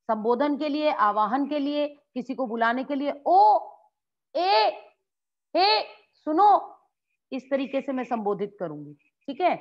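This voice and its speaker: Woman teacher explaining grammar to a class, acts out examples, answers her own questions; slightly high voice on a muffled recording. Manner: acts out example exclamations with lively swings in tone. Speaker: school Hindi teacher.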